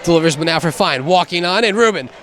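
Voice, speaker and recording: A man's voice: on the high side, expressive, fast talker, fairly bright tone. A man giving hockey play-by-play and game previews as a sports commentator. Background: music.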